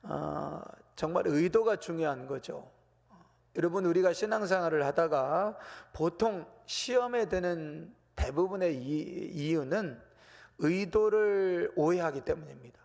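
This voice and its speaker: A man's voice: a little high, lively intonation, measured pace, vocal fry, a little mellow, big-room sound. A man preaching a sermon as pastor, patiently explaining a scripture text and addressing the congregation directly. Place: church sanctuary.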